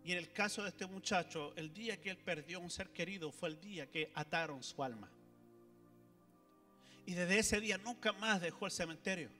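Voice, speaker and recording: A man's voice: high-pitched, moderate pace, sharp tone, big-room sound, faint music behind. A man, a pastor preaching animatedly and speaking directly to the congregation. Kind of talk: sermon. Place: church hall.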